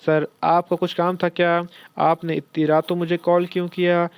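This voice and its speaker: A man voicing a shy, sweet young woman employee who speaks softly and politely. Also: high-pitched, little pitch movement, moderate pace, clear, resonant tone, dry recording.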